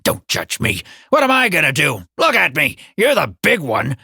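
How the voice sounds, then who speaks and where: A woman voicing a bossy, panicky male talking cockroach in an audiobook, with a raspy, brash voice. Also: low-pitched, huge pitch swings, normal speed, pushed and bright, no room sound, studio quality, heavily acted. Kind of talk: audiobook character voice.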